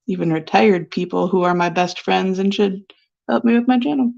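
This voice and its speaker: A woman's voice: mid-range voice, fairly even intonation, moderate pace, creaky, a little mellow. A sniffly woman painter chatting casually on a live stream, rambling and giggly with lots of filler words. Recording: dull lo-fi stream audio.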